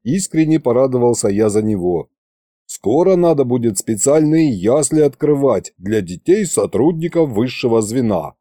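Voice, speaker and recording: A man reading a first-person audiobook in an expressive, lively way. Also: medium pitch, normal speed, no echo, studio quality. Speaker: audiobook reader.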